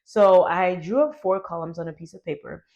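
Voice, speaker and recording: A young adult woman telling a personal story to her vlog audience in a chatty, animated way, full of "like". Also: on the low side, normal speed, lo-fi sound. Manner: chatty, animated, heavy use of "like". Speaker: YouTuber.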